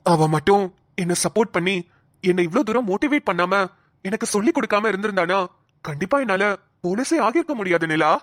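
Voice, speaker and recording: A man's voice: high voice, lively intonation, brisk, dry recording, clean studio sound. Lady doing a happy-go-lucky young guy in a cartoon, police trainee, bouncy up-and-down voice. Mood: cheerful. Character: young male police trainee, cheerful, devoted to his wife. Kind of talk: cartoon dialogue.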